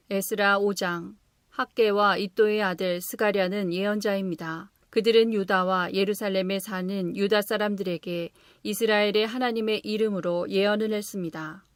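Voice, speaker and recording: A woman pastor reads scripture aloud in a steady, unhurried voice of middle pitch. The sound is close and dry, with no room echo. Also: smooth. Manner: calm, even, unhurried reading.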